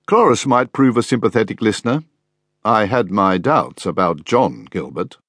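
A man narrating an audiobook in the first person with a wry, measured delivery. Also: lowish voice, animated, a bit bright, slightly rough, dry recording, studio quality.

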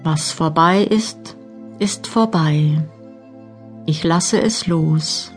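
Slow, low-pitched woman guiding meditation. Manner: measured, instructing, with long pauses. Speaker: mental training narrator. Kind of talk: guided meditation audiobook narration. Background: new-age music.

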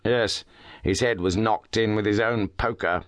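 A man voicing an eager, confident young police inspector who talks briskly and quickly. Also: lowish voice, steady tone, a bit bright, no room sound, studio quality.

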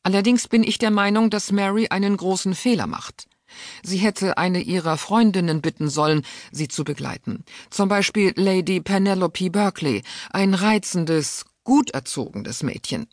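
A woman's voice: medium pitch, moderate pace, no room sound, clean studio sound, voice pushed up, close to an everyday voice. A woman voicing a stern, disdainful aristocratic aunt who speaks sharply and impatiently. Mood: cold, scornful.

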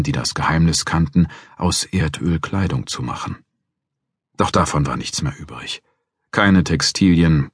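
A man narrates a novel in a deep, husky voice with animated intonation. His reading is measured and first-person, recorded close and dry in a studio. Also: no room sound. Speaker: audiobook narrator. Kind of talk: scripted narration.

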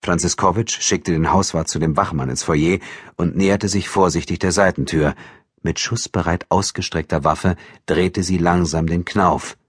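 A man narrating a thriller audiobook with a lively, expressive reading on a studio microphone. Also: low voice, normal speed, breathy edge, no room sound.

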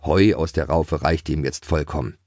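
A man narrating a children's audiobook in a playful, expressive way. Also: rumbling low, moderate pace, dry recording, studio quality.

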